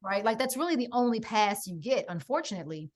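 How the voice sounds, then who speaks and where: A middle-aged American woman appears as a podcast guest, telling stories emphatically in casual conversation and peppering them with "like" and "right?". Her voice is fairly high and expressive, and she talks quickly.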